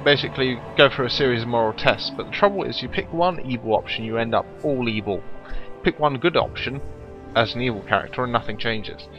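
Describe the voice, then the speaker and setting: A man chats through a gameplay recording, explaining his choices and joking at his own expense. His voice sits at an average pitch. Faint game music plays underneath him. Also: fast talker, highs cut off. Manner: chatty, explanatory, self-deprecating. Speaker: let's play commentator. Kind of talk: casual gameplay commentary.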